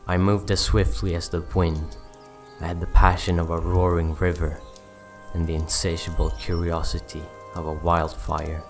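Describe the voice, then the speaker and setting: A man playing a proud, brooding giant wolf of Norse myth, telling his own story in solemn, measured narration. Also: extremely low pitch. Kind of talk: first-person scripted mythic narration. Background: background music.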